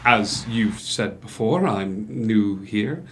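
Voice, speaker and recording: At a theatrical table read, an actor plays a courteous, hesitant gentleman doctor newly arrived in town, deferential and subtly ingratiating. His voice sits on the low side and is animated, delivering formal, halting lines with old-fashioned politeness. There's a slight hiss or hum in the recording.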